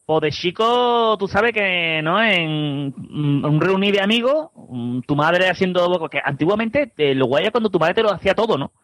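A man with an Andalusian Spanish accent spins long, wandering stories in a relaxed podcast chat. His voice sits high, and the sound is close and dry. He keeps checking in with his listeners as he goes. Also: moderate pace, few pauses, dry recording. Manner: rambling anecdotes, constant tag questions. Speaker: podcast co-host. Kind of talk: casual chat, storytelling.

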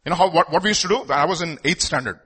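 This Indian-accented preacher has a husky, slightly high voice and a bright, forceful tone. He races through his emphatic sermon, posing rhetorical questions and repeating phrases as he goes.

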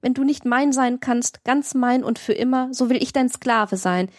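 A woman's voice: sits high, moderate pace, dry recording, studio quality, pitched above the performer's own voice, close to an everyday voice. A woman reading as a fervent pleading young lover. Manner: fervent, imploring.

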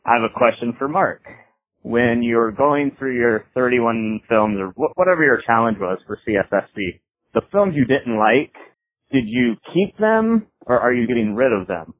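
A man's voice: mid-range voice, expressive, moderate pace. Give me a man on a worn, tinny voicemail recording. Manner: runs through a list of points, loose and unrehearsed. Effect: lo-fi voicemail recording, like a worn tape. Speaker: caller. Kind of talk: casual voicemail message. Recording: tinny, dry phone-line voicemail.

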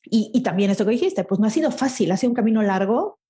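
A woman's voice: on the high side, expressive, fast talker, warm tone, breathy edge. A woman, a podcast host and therapist, talking in a reflective, affirming way with her guest. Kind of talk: casual interview talk.

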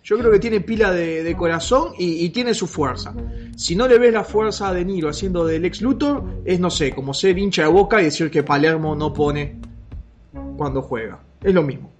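Co-host, deadpan and sure of every opinion, mid-pitched voice, faint music under. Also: normal speed. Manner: deadpan, confidently enthusiastic. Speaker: podcast co-host. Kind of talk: casual podcast banter.

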